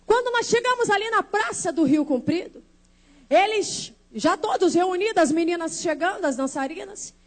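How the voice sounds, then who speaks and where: A woman with a very high voice gives a church testimony from the pulpit. She tells her story with drama and acts out the voices of her parents and others as she goes. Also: expressive, normal speed. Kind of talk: emotional testimony sermon.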